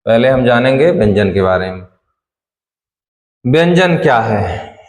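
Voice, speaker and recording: A man's voice: medium pitch, very animated, unhurried. A man teaching Hindi grammar in a classroom lecture, drilling definitions step by step and repeating key phrases. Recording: echoey room with long reverb.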